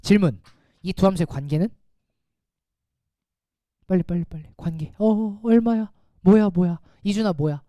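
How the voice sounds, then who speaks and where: A man teaching a math class, talking casually and quizzing his students with quick rhetorical questions. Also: sits high, warm tone, no echo, studio quality. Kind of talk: classroom lecture.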